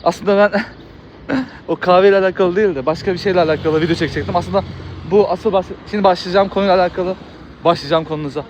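A man's voice: high voice, steady tone, quick pace, slight background noise, low-quality recording. A man who makes videos, talking in a loose, rambling way with frequent laughs and restarts. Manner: chatty, laughs often, many fillers and restarts. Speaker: video creator. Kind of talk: casual rambling monologue.

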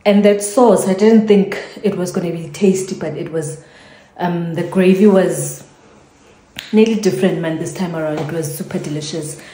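In an echoey room, a South African vlogger gives a casual sign-off to her home vlog, thanking viewers again and again before drifting into fillers. She speaks at a normal pace in a warm, lowish voice.

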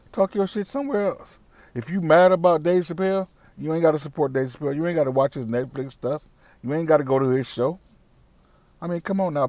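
Sitting in his parked car with a wired earbud mic, a middle-aged man gives casual commentary to the camera. He speaks at a medium pitch with a slightly mellow tone and no room sound, bluntly and repetitively preaching with slang and swearing.

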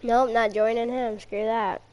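A woman's voice: on the high side, level tone, unhurried, a little mellow. A woman in casual, playful banter while playing a video game, often laughing. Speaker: gamer. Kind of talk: casual gaming chat.

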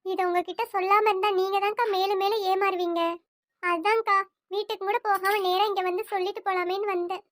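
A woman's voice: very high-pitched, level tone, brisk, a bit bright, no room sound, clean studio sound. A woman voicing a fretful, pleading village auntie. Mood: earnest. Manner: pleading, apologetic, repeats 'akka'. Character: worried village woman, family friend. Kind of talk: cartoon voice acting.

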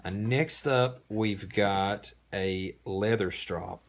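Deep-voiced man, rambling unboxing. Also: drawn-out words. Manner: relaxed, rambling with many fillers. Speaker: host. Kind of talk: casual product unboxing. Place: indoor room.

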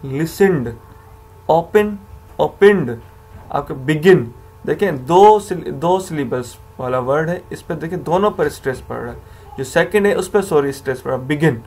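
A man's voice: on the high side, lively intonation, normal speed, a little mellow, slightly rough. A man teaching English grammar to learners, patiently explaining rules, repeating examples and correcting himself as he goes.

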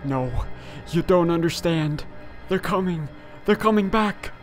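Frightened wounded man acted by a man, high and pleading, urgent game-story role over prominent music. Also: unhurried, close to an everyday voice.

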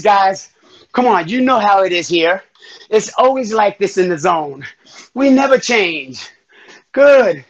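A high-pitched man coaching a live workout at full energy, counting down and cheering people through each round. He sounds winded from exercising along. The audio is a bit dull and muffled, like a livestream. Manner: energetic, calls out counts and encouragement; breathing hard while exercising. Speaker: fitness instructor. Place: home workout space.

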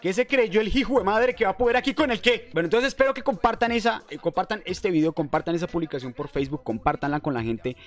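A man's voice: high-pitched, expressive, fast talker, hardly any pauses, faint music behind. A young man with a Colombian Spanish accent giving casual, slangy, playful commentary as a gaming streamer, speaking close to a desk mic. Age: young adult. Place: indoor room at a desk. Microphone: desktop microphone close in front.

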